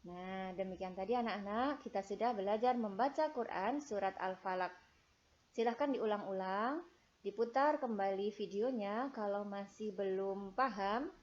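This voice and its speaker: A woman with an Indonesian accent teaching children Quran reading, over-enunciating in instruction and drawn-out melodic recitation, in a dull recording. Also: medium pitch, darkish tone.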